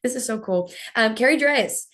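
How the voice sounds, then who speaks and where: A woman hosts a relaxed podcast chat, her voice stuffed up and a bit husky from a cold. She talks in a loose, friendly way, full of small fillers. It sounds like a laptop recording in a small gym office. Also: fairly high pitch, moderate pace. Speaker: podcast host. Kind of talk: casual podcast interview. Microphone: laptop, recorded on a call.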